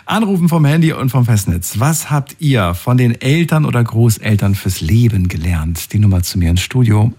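A man's voice: mid-range voice, lively intonation, moderate pace, hardly any pauses, dark tone, breathy edge. A man hosting a call-in radio show from the studio, chatting casually with callers and musing on listener topics. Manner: chatty, musing, reads points aloud and comments. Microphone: studio microphone.

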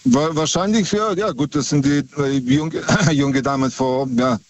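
A man's voice: mid-range voice, dry recording. Middle-aged male caller heard over the phone, hesitant, from Serbia; dull, dry line. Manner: hesitant, halting with many filler sounds. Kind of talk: casual chat.

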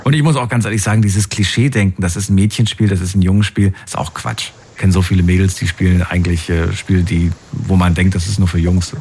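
Ein Mann Ende dreißig aus Thüringen moderiert eine Anrufsendung im Radio und plaudert locker mit Füllwörtern. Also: male voice, low voice, steady tone, fast talker, hardly any pauses, a little mellow, slight background noise. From Thuringia, Germany. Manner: chatty, reminiscing, with fillers. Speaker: radio call-in host. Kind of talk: radio call-in show.

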